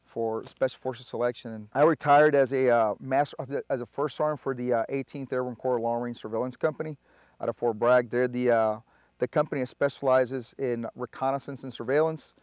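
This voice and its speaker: A man, a Spanish speaker, telling his story in a relaxed, halting way full of filler sounds. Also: medium pitch, no echo. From Puerto Rico. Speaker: army veteran guest. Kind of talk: casual interview storytelling.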